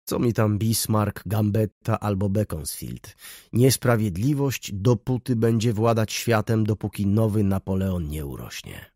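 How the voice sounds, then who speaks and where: A man narrating an audiobook with an expressive reading. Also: on the low side, a little slow, dry recording, clean studio sound. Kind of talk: scripted narration.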